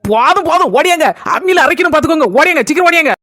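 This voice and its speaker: A man playing a quick, bright young wife. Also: sits high. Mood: teasing. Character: young wife, cheerful and understanding.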